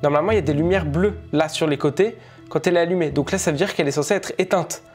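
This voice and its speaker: A man's voice: on the high side, very fast, a little mellow, soft background music. A young man in a reaction vlog, jittery and laughing, who repeats himself when uneasy, talking into a headset mic. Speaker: gaming and tech YouTuber.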